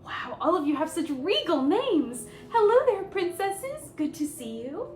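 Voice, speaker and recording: A woman's voice: very high-pitched, sing-song, unhurried, darkish tone, recorded from a distance, exaggerated voice. A woman playing a sweet, cheerful young princess, hosting a live story-time and greeting children in a gushing, sing-song way with little delighted gasps. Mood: sweet, welcoming. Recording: echoey room, away from the mic, faint music.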